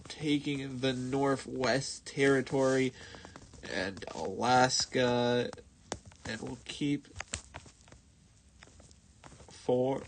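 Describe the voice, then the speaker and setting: A man's voice: mid-range voice, a bit bright, slight background noise, rough recording. A man giving playful, mock-dramatic commentary over his own strategy game as a streamer. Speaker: gaming streamer. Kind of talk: gameplay commentary.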